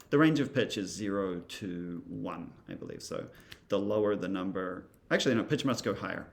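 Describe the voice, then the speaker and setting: Male instructor, low and gravelly, casual demo talk full of fillers. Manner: thinking aloud, many fillers and asides. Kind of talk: casual walkthrough of software.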